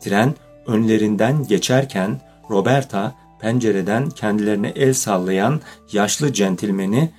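A man narrates a children's audiobook in a steady, measured way. His voice sits low and slightly husky. Faint music plays softly beneath him. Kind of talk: scripted narration.

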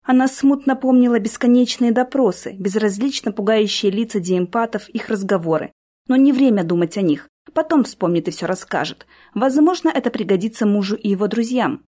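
A woman narrating a fantasy audiobook in a steady, even storytelling manner. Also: mid-range voice, fairly quick. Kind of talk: scripted narration.

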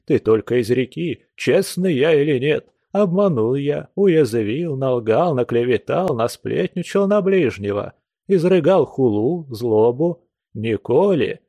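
A man's voice: fairly high pitch, lively intonation, measured pace, mellow, dry recording, pitched above the performer's own voice. A man reading aloud plays a drunken old male guest who wails and pleads in grand, churchy phrases, in a somewhat raised voice. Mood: drunken pleading. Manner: wailing, churchy pompous phrasing.

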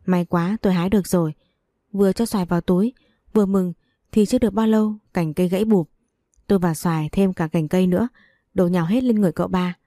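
A woman's voice: on the low side, fairly even intonation, quick pace, mellow, no echo, clean studio sound. A woman narrating a first-person story, voicing the dialogue as she goes.

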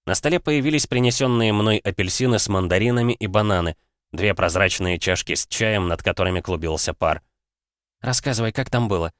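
A man reading a first-person story aloud in a measured, even storytelling manner. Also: deep voice, no echo, clean studio sound. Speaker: audiobook narrator. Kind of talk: first-person scripted narration.

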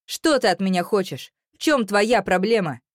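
A woman voicing an angry young man who talks with a sharp, raised voice. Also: medium pitch, animated, normal speed, no echo, clean studio sound, close to an everyday voice. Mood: mocking.

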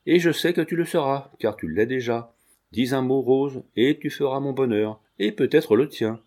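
A man's voice: medium pitch, moderate pace, a little mellow, natural voice. A man reading a young male tailor who earnestly and tenderly pleads his love. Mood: pleading.

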